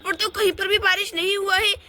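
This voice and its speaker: A whiny, sulky teenage girl doll, voiced by a woman in a doll play story. The voice is very high and bright, and she complains about everything. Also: fairly even intonation, fairly quick. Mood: confused.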